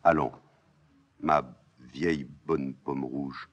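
A man reading a play aloud, voicing a grave, stubborn young princess in a soft, low voice. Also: steady tone, slow pace, exaggerated voice. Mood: tender. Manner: soft, hushed, subdued.

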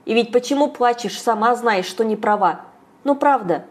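Brief: woman reading as a young dad in a family row, loud and lecturing, somewhat high. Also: moderate pace, natural voice. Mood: soothing. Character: exasperated young father arguing with his wife.

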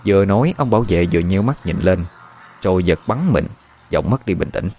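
A man narrating a horror story in a measured storytelling manner. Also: low-pitched, expressive, a little mellow, a little hiss or hum.

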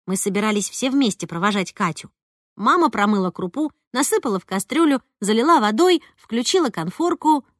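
A woman narrating a first-person audiobook in a lively, expressive reading voice. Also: mid-range voice, no room sound, clean studio sound.

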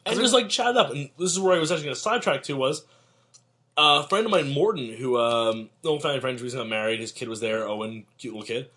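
Fast-talking husky young man. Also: medium pitch, lively intonation, bright, forceful tone. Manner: rambling, jokey, restarts sentences. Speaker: podcast co-host. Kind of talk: casual chat.

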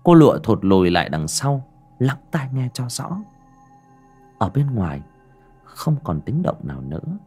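A man narrating a spooky folk tale in a dramatic way that turns hushed at tense moments. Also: mid-range voice, sing-song, a little slow, pauses often, slightly rough, soft background music. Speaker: storyteller.

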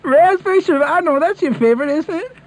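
A man with a very high-pitched, lively voice talks fast while improvising a prank call. He sounds hesitant and repetitive, pleading with the listener and addressing them by name throughout the telephone recording.

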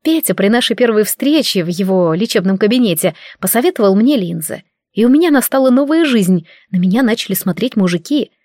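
A woman narrating a first-person audiobook in a lively, wry, conversational way. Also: medium pitch, a little fast, no room sound, studio quality.

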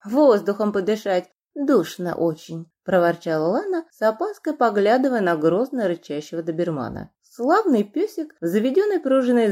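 A woman narrating an audiobook in a dramatic, expressive reading. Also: mid-range voice. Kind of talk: scripted narration.

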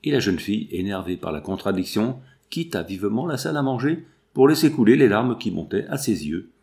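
A male audiobook narrator reads a novel. His storytelling is expressive, with a lively, varied pitch. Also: a little fast. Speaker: audiobook reader.

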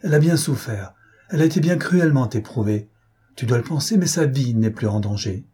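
A man's voice: medium pitch, lively intonation, a little fast, mellow, slightly rough. A man voicing an anxious, tender elderly aunt and governess, pleading and soothing by turns, in an audiobook. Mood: reassuring.

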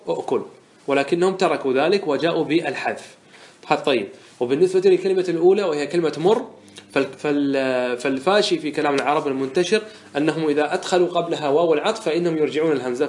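A man's voice: a little high, darkish tone. A man teaching Arabic morphology in a lecture, explaining verses step by step and often checking that listeners follow. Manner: patient explainer who asks rhetorical check questions; repeats and restarts words while thinking aloud. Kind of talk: classroom lecture explaining a didactic poem.

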